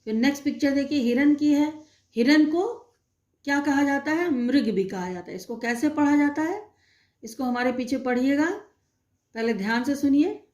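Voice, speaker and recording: A woman teacher slowly and patiently explaining a Hindi phonics lesson to young children, asking them questions as she goes. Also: high-pitched, darkish tone. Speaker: primary school teacher.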